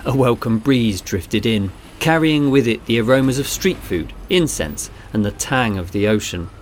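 A man reading a children's adventure story aloud in a measured storytelling delivery. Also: mid-range voice, animated, a little hiss or hum. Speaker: narrator. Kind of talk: scripted narration.

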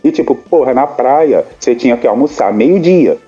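A man on a podcast telling a family story in casual chat, animated and full of halting restarts. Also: medium pitch, muffled recording, faint music behind. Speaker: podcast co-host.

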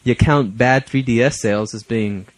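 A man's voice: mid-range voice, moderate pace, no echo, rough recording. Young male co-host, casual, teasing, dry studio sound. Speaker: podcast co-host. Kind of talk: casual chat.

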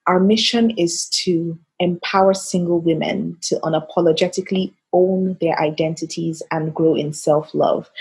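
A woman life coach speaking in a measured motivational style, pausing deliberately between phrases. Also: fairly low pitch, darkish tone, husky, low-quality recording. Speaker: life coach, podcast guest.

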